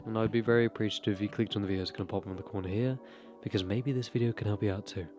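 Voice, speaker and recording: Faint music sits behind a young adult man whose low, a little mellow voice races along with fairly even intonation. He's in a small bedroom, mouth close to a desk broadcast mic, giving a direct, earnest, motivational self-improvement monologue to camera.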